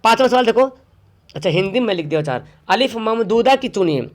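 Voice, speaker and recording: A man teaching an exam grammar lesson, quizzing listeners with questions, repeating words and drawing some out slowly to show how they are said. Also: high-pitched, lively intonation.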